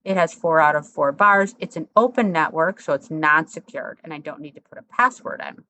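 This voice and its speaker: A woman instructor talking through a software tutorial step by step, in a conversational, explanatory way. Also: deep voice, a little fast, low-quality recording.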